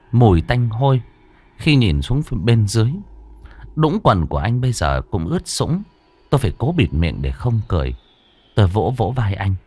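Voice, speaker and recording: A man's voice: lowish voice, darkish tone. A man narrating a first-person horror story for an audiobook, drawing out the eerie passages with dramatic delivery.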